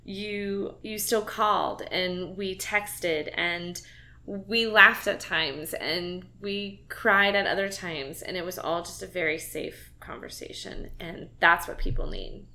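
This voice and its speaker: A woman's voice: lowish voice, takes it slowly, pushed and bright. A woman hosting a podcast conversation, speaking earnestly and reflectively with a friend. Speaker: podcast host. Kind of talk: casual heartfelt conversation.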